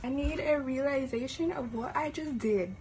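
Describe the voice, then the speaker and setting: A woman's voice: high voice, moderate pace, heavy background noise. A woman vlogging casually as she nervously narrates her own haircut, with lots of exclamations and swearing.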